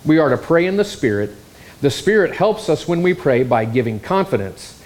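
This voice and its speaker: A man preaching a sermon, telling a story in an animated, exclamatory way. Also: a little high, normal speed. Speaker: pastor.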